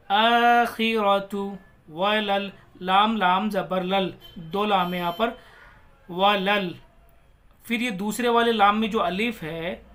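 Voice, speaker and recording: High-voiced, slow Quran teacher, a man. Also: sharp tone. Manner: spells out letters and vowel marks, then recites slowly and drawn out. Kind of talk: spelling-out recitation lesson.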